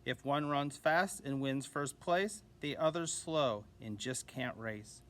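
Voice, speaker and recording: Slow, gentle man reading a storybook. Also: medium pitch. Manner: slow, gentle, expressive reading with voiced dog lines. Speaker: teacher reading aloud. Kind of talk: children's storybook read-aloud.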